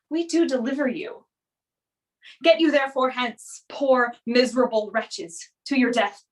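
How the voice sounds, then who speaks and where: A woman playing a stern, commanding warrior king with declamatory, measured Shakespearean stage delivery. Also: sits high, fairly bright tone, low-quality recording.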